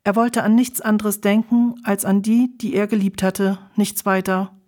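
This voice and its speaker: A woman reads a novel aloud, narrating at an ordinary middle pitch. Her reading is measured and steady. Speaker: audiobook reader. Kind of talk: scripted narration.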